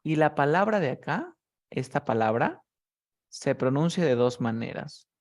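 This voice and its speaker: Somewhat high and sing-song, this man speaks at a measured pace as he gives a one-on-one English pronunciation lesson by video call. He's patient, goes step by step, and keeps checking in with phrases like "¿cierto?".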